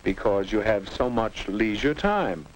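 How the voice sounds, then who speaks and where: A man playing a patient, instructive narrator in a 1950s educational film, guiding a teenager in a reassuring, measured way. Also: lowish voice, expressive, rough recording.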